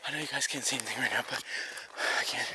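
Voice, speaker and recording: A young man vlogging outdoors, out of breath, talking in a hushed, urgent way and swearing often. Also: mid-range voice, very fast, heavy background noise. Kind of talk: breathless vlog narration.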